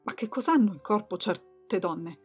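Outraged prudish viscountess voiced by a woman, loud, slow, stammering, audiobook. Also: mid-range voice, expressive, husky, faint music behind. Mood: scandalized. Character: indignant prudish middle-aged viscountess, scandalized gossip.

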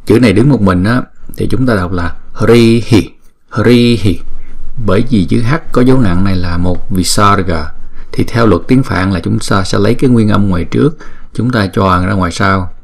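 A man teaching mantra pronunciation in a spoken lesson, patiently repeating each sound slowly to demonstrate it and chanting the full mantra in a slow, drawn-out way. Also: on the low side, creaky.

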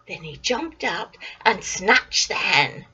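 An older woman reads a children's storybook aloud at a slow pace in a medium-pitched voice, animated and slipping into whispered asides. The recording sounds dull and lo-fi, with a noisy background.

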